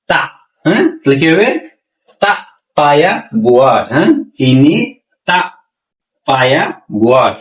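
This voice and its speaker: A man teaching a language lesson, repeating phrases slowly and asking the class rhetorical questions. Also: on the high side. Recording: roomy, mic far from speaker.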